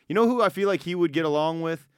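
A man's voice: on the high side, fast, smooth, dry recording, studio quality. A man co-hosting a music podcast, chatting casually with lots of fillers and easy swearing. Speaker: podcast co-host.

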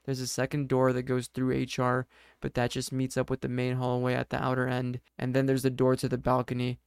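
A bewildered office-worker husband, hesitant and puzzled, as a male narrator voices him. The tone is smooth and clear, with a flat melody and a dry close sound. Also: mid-range voice, fairly quick, no room sound, natural voice. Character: confused, mild-mannered husband at work.

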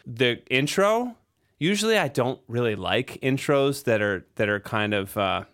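An unhurried man with a mid-range voice co-hosts a podcast, talking loosely about recording their song. He's the drummer, relaxed and rambling, with lots of fillers in this casual chat about their record.

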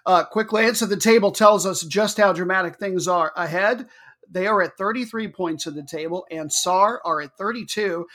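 A man's voice: high-pitched, normal speed, a bit bright. A man hosting a casual, comic sports preview in a chatty, tongue-in-cheek way. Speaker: football betting show host.

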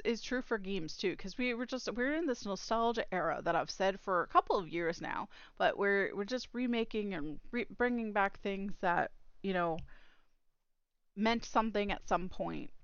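Gravelly lady rambling on a chill podcast, dull lo-fi sound. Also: medium pitch, a little slow, a bit bright, no room sound. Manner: rambling, trails off into filler. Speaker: podcast co-host. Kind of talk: casual chat.

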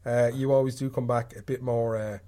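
A man's voice: medium pitch, flat delivery, a little fast, mellow. A man with a Dublin Irish accent, hosting a podcast in a casual, chatty style. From Dublin, Ireland. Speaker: podcast host. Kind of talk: casual chat.

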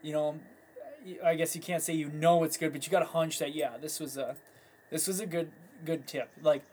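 A man's voice: a little high, steady tone, brisk, darkish tone, slight background noise. A man co-hosting a casual fishing chat, talking in an easygoing, plain way. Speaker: podcast co-host.

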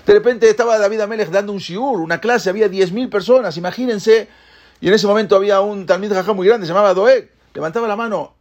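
A man teaching a Torah class, retelling the story in a lively way and acting out the characters' voices. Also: sits high, fast. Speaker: religious teacher.

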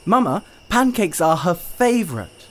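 A man doing an eager, excited young boy. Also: sits high, measured pace, voice pushed up. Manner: excited, always one step ahead.

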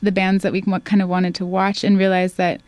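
A woman musician chatting casually as a guest in a radio studio interview, relaxed and talkative. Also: medium pitch, brisk, dry recording. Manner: chatty, relaxed, with small laughs and restarts. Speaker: singer and band founder, guest.

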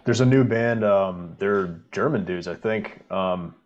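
A man's voice: sits low, a little slow, muffled recording. A man in casual podcast chat, laid-back and hesitant, with many fillers.

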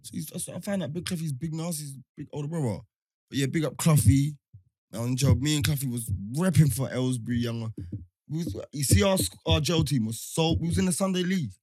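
A podcast host with a London roadman accent swaps stories in easygoing banter, packing his talk with street slang and tag questions. His voice is fairly high and a touch dark, he speaks fairly quickly, and there's no room sound.

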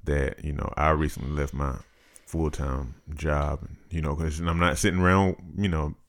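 A man in his thirties co-hosting a podcast, talking in a measured, reflective, casual way. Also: rumbling low, fairly even intonation. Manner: measured, reflective, practical-minded. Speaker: podcast co-host. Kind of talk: casual chat.

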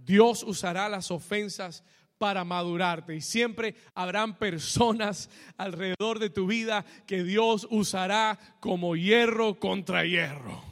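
A man's voice: high-pitched, a bit bright. A man preaching a sermon in a church hall, calling out to the congregation and slipping English phrases into his talk. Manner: preaching with rising intensity, calls to congregation; mixes Spanish with English phrases. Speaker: pastor. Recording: long reverb of a church hall.

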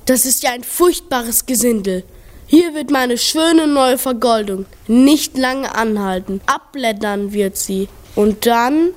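A woman's voice: a little high, takes it slowly. A woman voicing a proud male wooden spinning top in a storybook reading, boastful and dramatic. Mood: dismayed. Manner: boastful, then plaintive and dramatic. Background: music.

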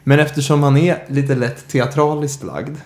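A man hosting a podcast, telling a true-crime story in a casual way, often pausing on filler sounds. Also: mid-range voice, fairly even intonation, a little mellow. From Sweden. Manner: hesitant, many filler "eh"s. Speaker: podcast host.

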